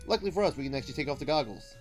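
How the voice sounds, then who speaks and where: A man's voice: a little high, lively intonation, rapid-fire. A man hosting a let's play, giving casual commentary and thinking aloud hesitantly as he goes. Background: game music.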